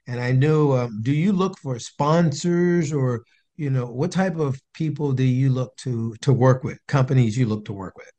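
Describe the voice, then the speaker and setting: A man hosts an interview show, speaking at a middle pitch. He asks his questions with enthusiasm and encouragement. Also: normal speed, warm tone. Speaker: show host. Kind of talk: casual interview talk.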